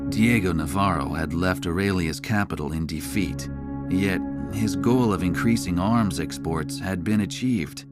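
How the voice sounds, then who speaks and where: Over background music, a male actor with a low voice narrates a game's story in the first person. He plays a reflective, world-weary war correspondent, recounting events in measured, literary phrasing from a script.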